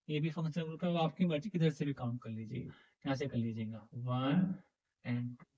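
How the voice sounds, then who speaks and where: A man teaching a chemistry class, coaxing students with repeated questions, his voice a little heavy from being unwell. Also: a little high. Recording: dull, muffled lo-fi sound.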